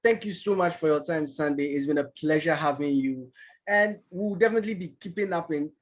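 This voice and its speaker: A man's voice: fairly high pitch, a little fast, muffled recording, very noisy. A man hosting an interview conversationally, with polite questions and courteous phrasing.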